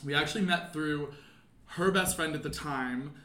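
A man in his thirties from Kentucky chats casually as a podcast guest, telling stories in a meandering way full of ums and likes. His voice sits a bit high for a man, and the room around him is echoey. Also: normal speed, bright, forceful tone. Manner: rambling, hedging with fillers. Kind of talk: casual chat.

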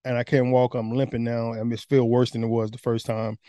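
A man telling a candid personal story in casual, animated conversation. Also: medium pitch, brisk, no echo, clean studio sound. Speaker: guest.

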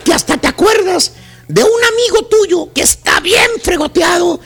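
A Mexican man hosting a comedy radio show, delivering a rowdy, slang-heavy monologue and often shouting. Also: extremely high pitch, animated, normal speed. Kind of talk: comic monologue.

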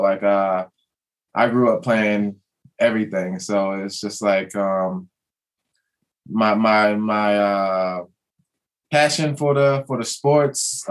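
Young adult man, former athlete guest, halting and full of fillers. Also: fairly low pitch. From Maryland, USA. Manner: halting, many restarts and fillers. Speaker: guest, former basketball player. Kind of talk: casual podcast chat.

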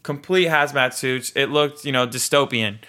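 A young adult man casually telling a personal story, animated, acting out the people he quotes. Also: mid-range voice, normal speed, smooth. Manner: animated, vivid retelling with voiced quotes.

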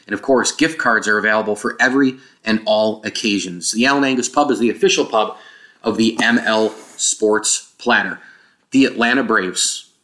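Guy reading a scripted ad spot, bright forceful voice. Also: fairly low pitch, normal speed. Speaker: advertisement narrator. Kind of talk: scripted promotional narration.

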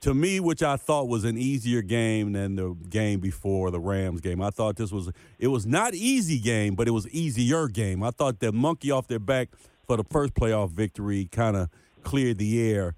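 A man's voice: fairly low pitch, animated, moderate pace, a little mellow, dry recording. A man co-hosting a casual sports podcast, talking football in an emphatic way and repeating points for effect. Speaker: podcast co-host.

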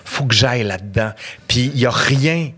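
Animated Québécois man telling stories. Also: medium pitch, normal speed, slightly rough. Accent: Québécois French. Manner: animated, acts out quotes and anecdotes. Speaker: history professor, podcast guest. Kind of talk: casual interview storytelling.

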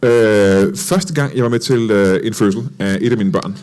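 A man hosting a live podcast, telling self-mocking stories in a deadpan way. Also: fairly low pitch. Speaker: podcast host. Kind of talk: casual live podcast chat.

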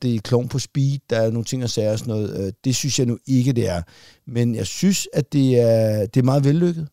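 A man's voice: mid-range voice, mellow, dry recording, clean studio sound. A man co-hosting a casual podcast, chatty and self-mocking as he jokes and gives recommendations. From Denmark. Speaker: podcast co-host. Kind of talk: casual chat.

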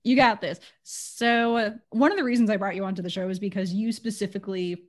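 A woman's voice: mid-range voice, brisk. A young woman hosting a podcast in a casual, playful and self-mocking chatty way. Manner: playful, self-mocking, slips into mock voices. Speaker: podcast host. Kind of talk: casual chat.

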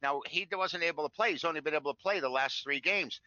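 A chatty man co-hosting a sports betting show, rattling off records and trends in a very bright, forceful voice. The sound is dry and a little dull, like a lo-fi recording. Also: a little high, quick pace, no room sound. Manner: chatty, rambling, stacks up stats.

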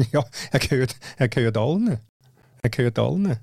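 A man's voice: medium pitch, lively intonation, normal speed, gravelly, darkish tone, dry recording, clean studio sound. A man with a Swiss German accent debating casually as a panellist, repeating phrases as he makes his point. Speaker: football panellist. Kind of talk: casual discussion.

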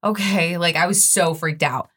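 A woman's voice: on the low side, moderate pace. A woman co-hosting a podcast in a studio, telling stories animatedly and swearing heavily. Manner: animated storyteller, heavy swearing. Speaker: podcast co-host. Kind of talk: casual podcast chat.

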